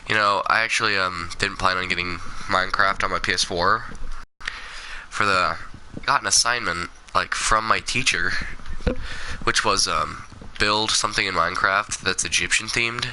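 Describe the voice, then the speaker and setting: Sick-sounding male streamer, sharp voice. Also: sits low, steady tone, moderate pace, slight background noise. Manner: rambling, swears, talks back to the game. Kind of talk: casual gameplay commentary.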